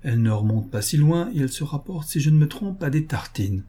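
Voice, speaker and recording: A man reading as a sharp-witted young woman with a dry, ironic manner. The voice is dark and husky. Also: on the high side, animated, fast, pitched above the performer's own voice.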